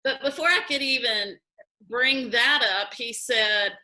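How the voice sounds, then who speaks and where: A middle-aged woman speaking at a conference, telling a personal story in an animated, self-mocking way and acting out old conversations. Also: a little high, a little slow, low-quality recording. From Georgia, US.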